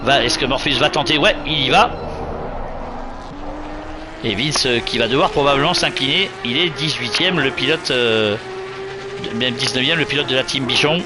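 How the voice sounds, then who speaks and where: A man's voice: medium pitch, normal speed, long pauses, over music. A man working as a motorsport commentator, calling a live race play-by-play with urgent warnings and recaps of the standings. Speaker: motorsport commentator for an online sim racing league. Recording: clear car and engine noise. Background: racing car sounds.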